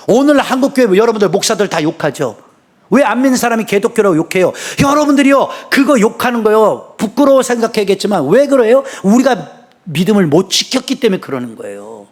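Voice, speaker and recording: A middle-aged man preaching a sermon as senior pastor, swinging between fervent shouts and low, conversational asides. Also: big pitch swings, fairly quick.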